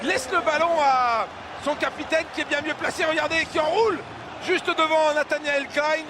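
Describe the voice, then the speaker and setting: A male football commentator delivers excited live match commentary in a very high-pitched voice. He is animated and exclamatory, often rising to a shout. A loud stadium crowd is clearly heard behind him. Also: normal speed, background noise.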